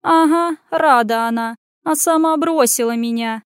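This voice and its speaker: A woman's voice: sits high, animated, unhurried, no echo, studio quality, pitched above the performer's own voice. A woman voicing a sarcastic female cat companion who speaks in reproachful jabs.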